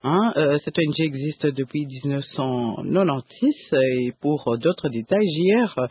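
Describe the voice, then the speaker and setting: A male radio co-presenter with a Congolese accent and a somewhat high, husky voice. He summarises and asks questions, punctuating phrases with little tag words. The recording is dry and narrow-band. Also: measured pace, no echo. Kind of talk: radio interview.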